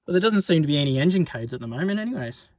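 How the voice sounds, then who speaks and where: A man's voice: on the high side, animated, very fast, slight background noise. An Australian man chatting casually in a vlog as he works on a car, with laid-back, sweary, blokey Aussie slang. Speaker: car build vlogger. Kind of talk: casual vlog chat while working on a car.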